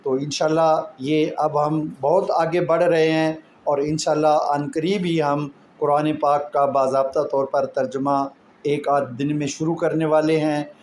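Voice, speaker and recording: A man's voice: a little high, flat delivery, unhurried, a little mellow. A man with a Pakistani Urdu accent teaching Quranic Arabic script, explaining each point patiently with examples. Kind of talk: slow explanatory lesson. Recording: echoey room with faint ambient noise.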